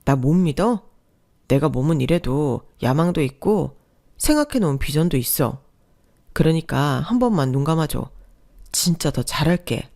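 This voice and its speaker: A sulky, self-pitying husband whines and makes excuses, as a woman reads his lines. The voice stays lowish and plain, hardly changed from the reader's own, in a radio drama. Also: animated, normal speed, vocal fry, warm tone, full character voice. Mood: whiny. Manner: defensive, whiny.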